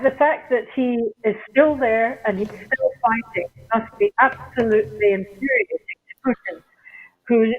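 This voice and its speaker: High-voiced man on a tinny phone line. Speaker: remote news guest. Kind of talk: commentary over a phone line.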